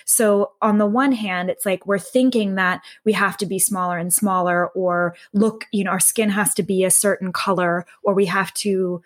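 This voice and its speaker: A young adult woman speaks in a relaxed conversational interview. She is reflective and circles her points, with lots of fillers and restarts. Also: medium pitch, normal speed, hardly any pauses. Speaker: podcast guest, health coach.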